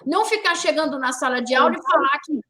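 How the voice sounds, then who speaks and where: A woman's voice: high voice, fast, pushed and bright. A woman from Brazil hosting a talk show, speaking emphatically, repeating key words and firing rhetorical questions. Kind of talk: opinionated talk show discussion.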